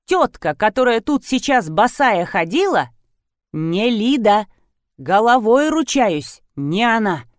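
A woman's voice: a little high, very animated, takes it slowly, no echo, studio quality. A woman voicing an older woman confidently recounting a neighbor's story in an audiobook.

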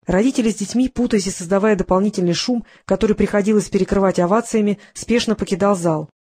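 An audiobook narrator reading a crime thriller in an even storytelling delivery. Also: mid-range voice, fast talker. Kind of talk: scripted narration.

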